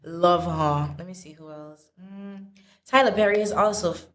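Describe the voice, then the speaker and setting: A woman's voice: on the low side, moderate pace. A young woman from Saint Vincent, a guest in a casual interview, chatty and confident with playful asides to the viewers. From Saint Vincent and the Grenadines.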